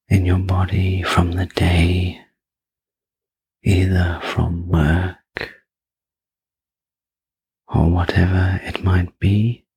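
Very slow, breathy ASMR role-play sleep narrator. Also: deep voice, rough recording. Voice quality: breathy, husky soft voice. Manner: slow, soothing, gentle. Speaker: sleep story narrator and relaxation guide. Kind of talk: ASMR role-play, guided sleep relaxation with rune pebbles.

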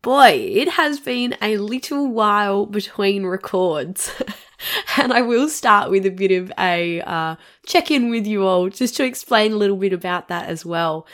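A woman in her thirties with an Australian accent hosts a solo podcast in a relaxed, chatty way. Her voice sounds nasal from a cold, at a medium pitch. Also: unhurried. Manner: chatty and warm, laughs between phrases. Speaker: podcast host. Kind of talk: casual solo podcast monologue.

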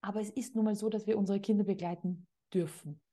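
A woman's voice: medium pitch, steady tone, fast talker, mellow. A middle-aged woman hosting a podcast interview as a parent coach, speaking in an outspoken, emphatic way.

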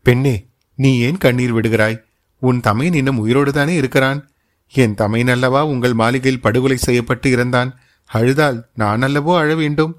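A man's voice: medium pitch, moderate pace, close to an everyday voice. A man voicing a proud, stern royal princess who scolds and commands.

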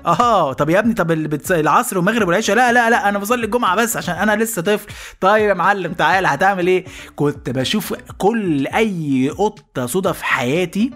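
A man with an Egyptian accent hosting a comedy podcast, telling stories in an animated monologue and slipping into voices. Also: high voice. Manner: rapid, animated, jumps into voices. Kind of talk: comic storytelling monologue.

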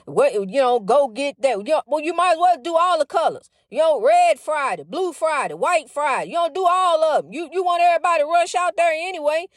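A woman's voice: sits high, lively intonation, fairly quick, hardly any pauses, no room sound, clean studio sound. A middle-aged woman giving a casual spiritual pep talk, fervent, calling the listener honey with lots of you-knows. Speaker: inspirational speaker.

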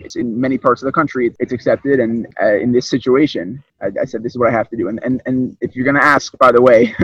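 A young man casually retelling a personal story, rambling and animated, often restarting his sentences. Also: medium pitch, no echo, muffled recording.

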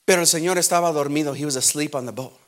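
A man's voice: on the high side, fast talker. A man preaching a sermon, switching between Spanish and English and acting out Bible scenes in a raised voice. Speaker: pastor. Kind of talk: bilingual sermon.

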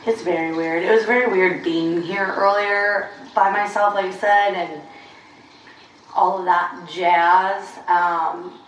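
A woman's voice: on the low side, fairly even intonation, slow, dull audio. A woman co-hosting a gym podcast in casual chat, talkative and prone to tangents, recorded in an empty gym. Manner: chatty, drifts into tangents. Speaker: gym coach and podcast co-host. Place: empty gym on a rainy day. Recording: roomy, distant mic with faint hiss. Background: faint rain ambience.

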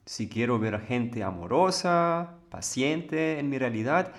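A man teaches in a calm, explanatory way. He keeps posing rhetorical questions to his listeners and then answers them himself. His voice sits at an ordinary middle pitch for a man. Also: a little slow. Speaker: spiritual teacher. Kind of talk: explanatory talk.

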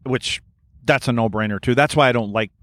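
A man's voice: mid-range voice, fairly quick, a bit bright, dry recording. A man, a podcast guest telling blunt, profane stories and acting out both sides of old conversations. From Wisconsin. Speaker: podcast guest, former hockey player. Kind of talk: casual storytelling.

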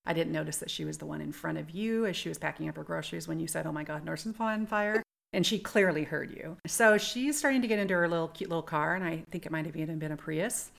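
Low, gravelly-voiced woman recounting a story. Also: quick pace, few pauses. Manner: reflective, thinks aloud with restarts. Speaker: podcast co-host. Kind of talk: casual storytelling chat.

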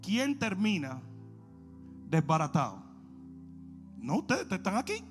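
A male pastor preaching a sermon in an animated storytelling manner, speaking to his congregation. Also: sits high, measured pace, faint music behind.

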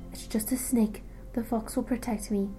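A woman voicing a frightened young girl who speaks in a higher, breathy, hushed voice. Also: fairly even intonation, moderate pace, in a whisper, soft background music, lightly acted. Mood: anxious.

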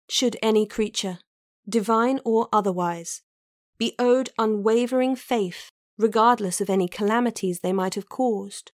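A woman's voice: fairly high pitch, fairly bright tone, no room sound, clean studio sound. A woman voicing a flustered, earnest young woman who stammers anxiously. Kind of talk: audiobook character reading.

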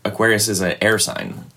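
Low-voiced guy hosting a podcast, laughs a lot, kinda rambly. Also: sing-song, unhurried, sharp tone, husky. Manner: laughs often, loose and rambling. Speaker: podcast host. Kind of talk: casual chat.

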